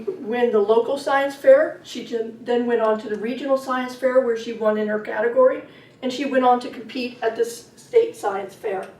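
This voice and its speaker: A woman presenting a funding request at a public meeting, talking fast and apologetic in a casual way. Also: a little high. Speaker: agency presenter. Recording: echoey meeting room from a distance.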